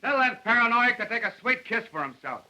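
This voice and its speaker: Cocky 30s movie reporter, screwball wisecracking banter, high sharp voice, old film sound. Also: male voice, big pitch swings, a little fast, a little hiss or hum, exaggerated voice, rough recording. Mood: mocking, scornful. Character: brash, cocky newspaperman, quick-witted and scornful. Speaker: newspaper reporter.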